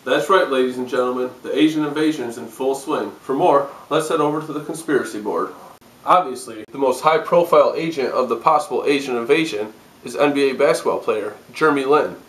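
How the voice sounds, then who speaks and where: A man's voice: mid-range voice, brisk, a bit bright. A man delivering a scripted parody newscast as a mock-serious news anchor. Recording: roomy echo, distant mic.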